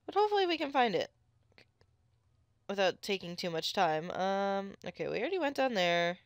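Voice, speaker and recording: A woman giving chatty, excitable commentary on her own gameplay into a close mic, with sudden squeals when something catches her eye. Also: mid-range voice, moderate pace, dry recording. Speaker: let's play gamer.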